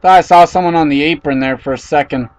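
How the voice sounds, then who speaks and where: A man giving excitable play-by-play commentary on a race, his voice jumping high and loud whenever cars tangle. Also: quick pace, slight background noise, low-quality recording.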